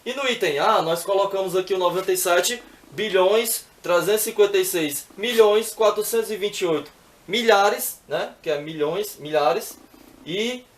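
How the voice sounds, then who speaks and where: A man's voice: high-pitched, roomy sound. A man teaching math, working through exercises patiently step by step and often checking in with the viewer.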